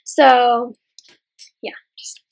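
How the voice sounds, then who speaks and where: A woman hosting a Minecraft channel, chatting casually through co-op gameplay and shout-outs, giggly and hesitant, full of "um" and "like". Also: fairly high pitch, flat delivery, extremely slow. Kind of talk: casual gameplay chat and video outro.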